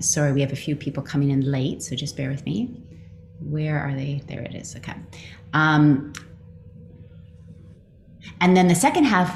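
A woman from Australia, where she lives, hosts and coaches a casual online group call from an indoor room, chatty and welcoming as she greets each participant by name. Her voice is deep with a darkish tone. The recording has roomy echo and faint background noise.

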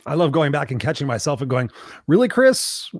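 A man's voice: a little high, sing-song, fairly quick, no room sound, studio quality. A man in his fifties hosting an interview, joking and chatty, sometimes talking to himself. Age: 50s. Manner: joking, talks to himself, casual swearing. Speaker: host. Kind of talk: casual interview conversation.

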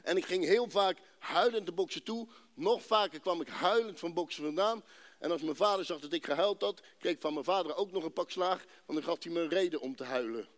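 Man from Rotterdam, high voice, emotional church testimony with drawn-out dramatic pauses. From Netherlands, Rotterdam. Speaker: speaker giving a personal testimony. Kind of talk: emotional faith testimony to a congregation.

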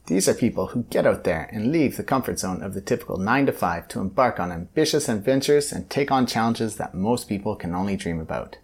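A man with a lowish voice hosts an interview podcast. He reads his introduction from a script, then settles into easygoing, conversational questions. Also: lively intonation, a little fast, few pauses, slightly rough. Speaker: podcast host.

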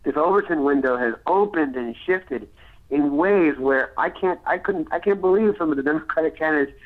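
Through a tinny, phone-like connection, a man with a fairly high voice talks policy off the cuff. He is earnest and wordy, stumbling and digressing as he goes. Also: fairly quick. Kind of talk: spontaneous policy discussion.

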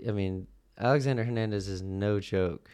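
A man hosting a podcast with casual sports commentary, talking informally and a little haltingly. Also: lowish voice, warm tone, clear, resonant tone. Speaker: podcast host.

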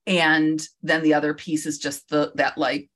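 A woman with a low-pitched voice speaks as a guest on a coaching podcast. She talks slowly through her thoughts, pausing often with fillers as she reflects on her work as a therapist. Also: flat delivery, fairly bright tone. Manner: reflective, hesitant, many fillers. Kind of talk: casual podcast conversation.

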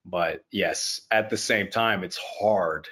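A young Haitian actor, appearing as a guest on a video call, chats casually in an easygoing interview. His low voice is slow, bright, and forceful with a breathy edge, and he tends to repeat his phrases.

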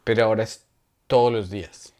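A man's voice: lowish voice, fairly even intonation, fairly quick, warm tone. Rambling chatty man. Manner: rambling, self-correcting, chatty. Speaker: podcast co-host. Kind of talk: casual comedy chat. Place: podcast studio.

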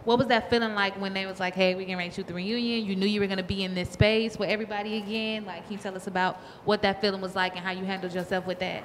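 A woman co-hosting a casual interview, asking drawn-out, structured questions. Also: medium pitch, little pitch movement, in a large hall, a little hiss or hum. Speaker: co-host.

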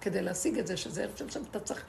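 Woman teaching torah, super creaky gravelly voice, fired up, keeps asking the room questions, bit of hiss behind. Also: medium pitch, animated, darkish tone. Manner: impassioned, rhetorical questions, repeats words for emphasis. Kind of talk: spiritual lesson to a group.

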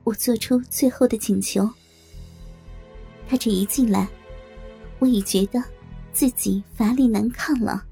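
A woman tells a first-person story in a slightly high, mellow voice with a breathy haze. She sounds trembling and pleading, and soft music plays faintly underneath. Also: fairly even intonation, a little slow, long pauses. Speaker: narrator.

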